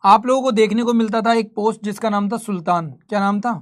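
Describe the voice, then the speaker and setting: A man's voice: sits high, fairly even intonation, fast. A man teaching history in a live online class. He talks conversationally, quizzes his students and answers his own questions.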